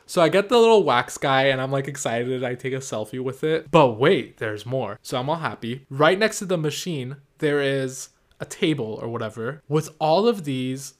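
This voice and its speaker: An excitable man talking alone into his podcast mic, rambling and full of fillers as he hops from story to story. His pitch sits in an ordinary middle range for a man. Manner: excitable, rambling, lots of "like" and laughs. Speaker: podcast host. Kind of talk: solo casual podcast chat.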